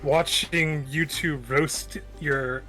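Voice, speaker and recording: A man's voice: a little high, fairly even intonation, extremely slow, pushed and bright, soft background music. A man playing a tabletop game, cracking jokes and swearing freely. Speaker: player.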